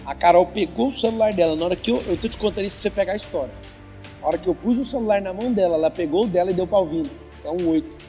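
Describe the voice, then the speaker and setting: A man's voice: high voice, racing, warm tone. A man giving a live motivational talk with religious teaching at an event, teasing and quizzing the audience directly. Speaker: motivational speaker. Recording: reverberant event hall with faint music.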